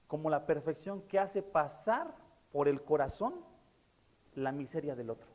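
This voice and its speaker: A man's voice: fairly high pitch, darkish tone, long reverb tail. A man preaching a sermon as pastor, earnest and repeating key words, with many fillers. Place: church.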